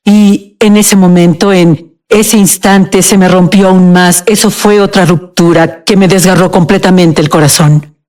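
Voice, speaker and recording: A woman giving a halting, emotional personal testimony as a guest in a TV interview. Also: on the low side, fairly even intonation, a little mellow.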